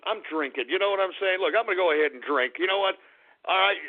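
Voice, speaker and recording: A radio host whose voice has been pitched up into a chipmunk voice, ranting and swearing in exasperation. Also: male voice, fast talker. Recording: tinny phone-like radio sound.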